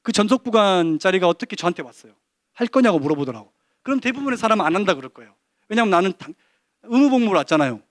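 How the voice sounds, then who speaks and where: A man giving a lively testimony at a church service, telling an animated story full of quoted dialogue. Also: high voice, racing, dry recording, clean studio sound. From Korea.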